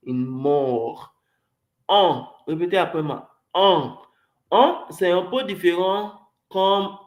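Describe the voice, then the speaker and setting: A man leads a slow pronunciation drill. He says each sound again and again, then explains it in English. His voice sits a little high and rings in an echoey room. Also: a little mellow. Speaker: French teacher.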